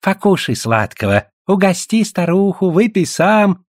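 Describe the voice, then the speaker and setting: A man doing a boastful, shrill merchant headman. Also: big pitch swings, unhurried, dry recording, clean studio sound. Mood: insistent. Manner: loud, insistent exclamations. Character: pushy, boastful male merchant, village headman.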